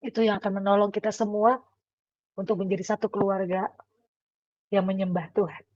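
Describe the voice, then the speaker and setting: On a lo-fi recording that sounds dull and dry, a middle-aged woman delivers a devotional sermon at a fairly quick pace in a steady, mid-range voice. She keeps it conversational and casual with fillers and tag questions, coughing occasionally.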